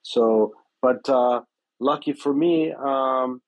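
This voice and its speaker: A man's voice: medium pitch, slow, no echo. A man in his fifties from Brazil with a Brazilian Portuguese accent, a chef and restaurant owner being interviewed, speaking hesitantly with many fillers. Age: 50s. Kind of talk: casual interview. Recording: dry, slightly dull sound.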